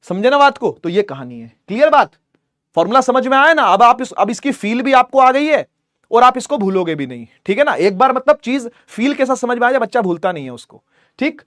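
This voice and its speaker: A man teaching physics in a lively lecture, with a tinge, acting out little scenes in funny voices to make his points. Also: very high voice, brisk, no room sound, clean studio sound. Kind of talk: animated classroom lecture.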